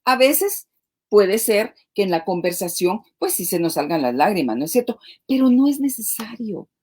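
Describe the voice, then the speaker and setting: A woman's voice: medium pitch, sing-song, moderate pace, darkish tone, breathy edge. A woman co-hosting a live-streamed marriage talk, speaking conversationally and often checking in with rhetorical asides. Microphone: live stream microphone.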